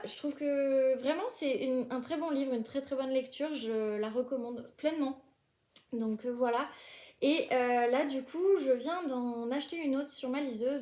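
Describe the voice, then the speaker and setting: A woman's voice: fairly high pitch, darkish tone, reverberant. A young woman talking casually about books she is reading, hesitant, with many fillers and restarts. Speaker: book vlogger.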